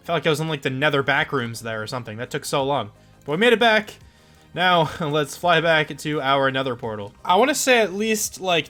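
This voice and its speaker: A young gaming channel host with a fairly high, bright, forceful voice gives casual let's play commentary, chatty and rambling with lots of likes and ums. He sounds stuffed up and congested, and faint music plays underneath.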